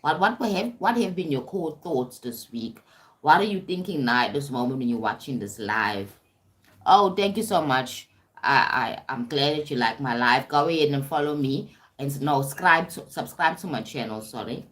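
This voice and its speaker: A native English-speaking woman with a bass voice hosts a casual self-development livestream, animated and at a normal pace. She's warm and chatty, calling viewers "sweetie pie," checking in with them, often stumbling over words, restarting, and saying "right?"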